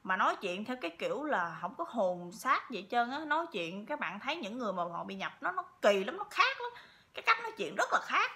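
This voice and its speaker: Woman, casual storytelling, chatty, repetitive, bright tone. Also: on the high side, very animated, fairly quick. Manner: chatty, with many repeats and fillers. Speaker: vlogger.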